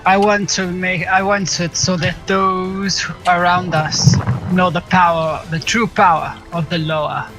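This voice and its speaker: A man's voice: high voice, flat delivery, a little slow, pushed and bright, soft background music, heavily acted, low-quality recording. A man voicing a grandiose hoodoo priest who demands everything in a tabletop game. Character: greedy hoodoo priest, the Baron, male.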